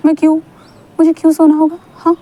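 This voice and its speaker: A woman's voice: high-pitched, completely flat delivery, quick pace, mellow, pitched above the performer's own voice, natural voice. Woman voicing a teasing teenage boy.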